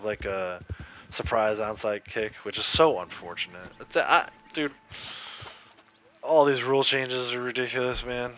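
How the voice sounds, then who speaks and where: A man talks casually on a livestream while he plays, drifting into opinionated rants. His voice is bright and forward, and his delivery is loose and rambling, full of fillers. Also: medium pitch, a little hiss or hum. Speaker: gaming streamer.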